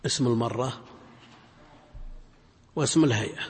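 Male scholar teaching a class, mid-range voice, slow and deliberate with repeated forms, long hall echo. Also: medium pitch. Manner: slow and deliberate, repeating each form twice. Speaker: Islamic scholar teaching grammar. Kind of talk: classroom explanation of a grammar poem.

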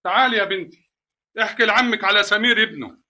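A man's voice: high voice, fast, pushed and bright. A persuasive Egyptian father. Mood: reasoning. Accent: Egyptian Arabic. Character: Amal's father, a patient, reasoning older man. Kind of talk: Egyptian radio drama acting.

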